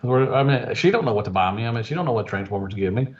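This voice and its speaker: A man's voice: medium pitch, expressive, rapid-fire. A man co-hosting a casual podcast who talks eagerly about toys. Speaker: podcast co-host. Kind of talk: casual chat. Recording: distant and dull.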